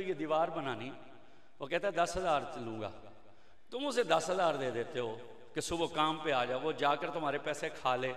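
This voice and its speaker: A man preaching an emotional religious sermon, chanting refrains and building to impassioned shouting. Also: on the high side. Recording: echoey hall reverb.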